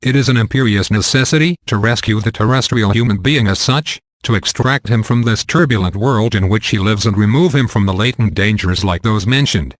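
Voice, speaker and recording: A man reading the lines of a gentle, wise female alien visitor in a calm, earnest audiobook reading. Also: fairly low pitch, brisk, few pauses, no echo, natural voice.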